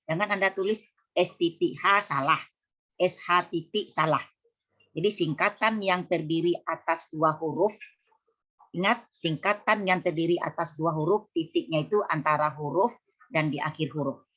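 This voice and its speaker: Low-voiced woman lecturer correcting students. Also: moderate pace, fairly bright tone. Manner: corrective, spells out letters one by one, repeats key rules. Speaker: university lecturer. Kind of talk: class lecture on punctuation.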